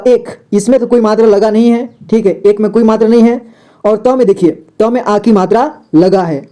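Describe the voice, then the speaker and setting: Patient man teaching reading, mellow voice. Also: high voice. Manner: patient, repeats words, keeps asking the viewer questions. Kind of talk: step-by-step reading lesson.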